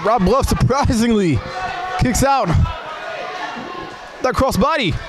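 A man's voice: extremely high pitch, slow. A man working as a wrestling commentator, calling live play-by-play in an exclamatory way, urgently repeating his calls. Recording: loud crowd noise in event hall. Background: loud crowd, slams from the ring.

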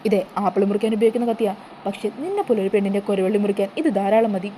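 A woman's voice: medium pitch, very fast, dark tone, a little hiss or hum, lightly acted. A woman voicing a young man who threatens his bride in a TV serial recap, speaking in a taunting, threatening way. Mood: menacing.

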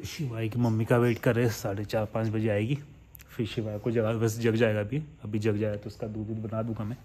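Soft-spoken man narrating a home vlog. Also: fairly low pitch, little pitch movement, brisk, a little hiss or hum. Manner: chatty, coaxing his toddler, laughing often. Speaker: vlogger, father. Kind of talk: casual family vlog.

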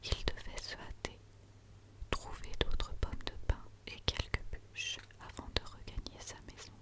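A woman reads a story aloud in a quiet, soothing night-time whisper, as in ASMR, close to the microphone. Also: a little slow. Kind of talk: whispered ASMR reading of a children's tale.

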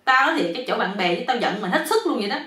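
A woman voicing a bossy, irritable husband who grumbles gruffly. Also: on the high side, lively intonation, rapid-fire, bright, forceful tone, recorded from a distance. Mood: grumbling. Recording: roomy, a bit off-mic.

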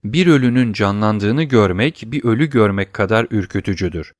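A man's voice: lowish voice, dry recording. Man narrating an audiobook, dry sound. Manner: steady, measured reading.

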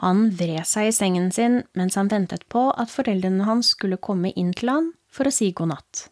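A woman with a Norwegian accent reading a horror story aloud as a podcast host, in a calm, low, steady storytelling voice. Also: no echo, clean studio sound. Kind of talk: scripted horror story narration.

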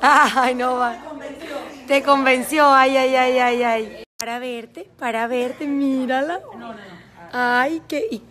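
A woman's voice: sits high, steady tone, takes it slowly, sharp tone. A woman chatting casually in a phone story, gushing and promotional as she shows off her store event to followers. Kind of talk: casual Instagram story chat. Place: busy store event, indoors. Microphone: phone held by speaker. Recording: phone recording with chattering crowd behind.

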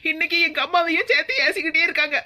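Woman voicing a bright-voiced grumbling daughter-in-law. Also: very high voice, fairly even intonation, rapid-fire, full character voice. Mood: complaining. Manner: complaining, indignant. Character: aggrieved young village daughter-in-law. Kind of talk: cartoon voice acting.

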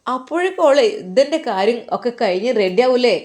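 A woman's voice: on the high side, big pitch swings, brisk, darkish tone. A woman voicing a doting older mother who coos affectionately.

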